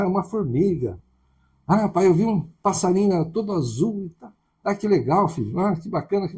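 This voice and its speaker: A man's voice: mid-range voice, dark tone, husky. A man with a Brazilian Portuguese accent preaching a sermon in a conversational way, often checking in with tag questions.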